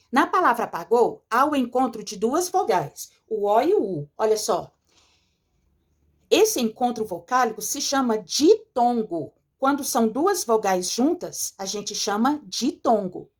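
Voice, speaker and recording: A woman teacher giving a recorded lesson from a textbook, explaining patiently and checking in with her pupils. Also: fairly high pitch. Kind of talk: recorded remote lesson walking through a textbook.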